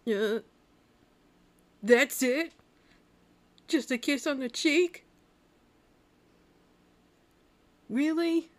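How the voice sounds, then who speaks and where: A woman voicing a shy, flustered young male cartoon hedgehog hero in love, husky and hesitant, in an intimate ASMR roleplay. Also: high-pitched, slow pace, pitched above the performer's own voice. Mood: surprised, defensive. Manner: hesitant, stammering, bashful.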